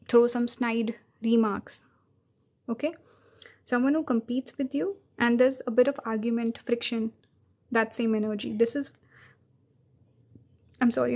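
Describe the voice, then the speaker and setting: Female tarot reader, slightly high voice, casual, hesitant, self-correcting. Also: a little mellow. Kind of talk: pick-a-card tarot reading.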